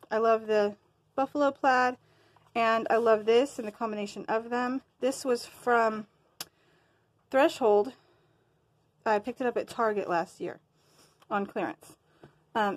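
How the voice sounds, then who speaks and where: A woman talking casually to her viewers in a crafting show-and-tell, a bit winded and rambling, losing her train of thought now and then. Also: a little high. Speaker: crafting vlogger.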